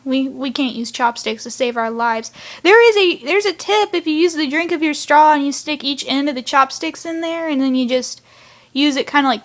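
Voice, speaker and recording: A woman's voice: sits high, a bit bright. A woman rambling through a casual review of a cartoon episode, chatty, with sighs and side remarks. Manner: chatty, rambling, sighing asides.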